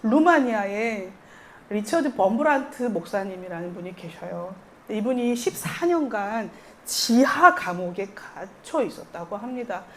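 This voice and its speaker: A woman's voice: mid-range voice, lively intonation, a little slow, a bit bright, a little hiss or hum. A woman pastor preaching a sermon to her congregation, earnest and storytelling, acting out quoted voices and laughing lightly with the people.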